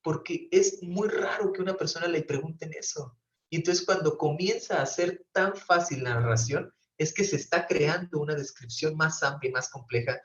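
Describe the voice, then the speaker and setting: A professor's voice, on the high side, a bit bright and at normal speed, leads an online brief-therapy class. Step by step he explains, pausing often to check in with students. The video-call audio from his computer mic sounds roomy, distant, and dull.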